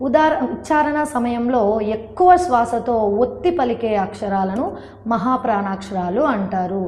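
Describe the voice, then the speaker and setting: A fairly high-voiced woman teaches an exam-prep grammar lesson. She repeats key terms slowly and speaks to her viewers as friends. Her voice carries a long, roomy reverb. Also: a little mellow. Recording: echoey room with long reverb.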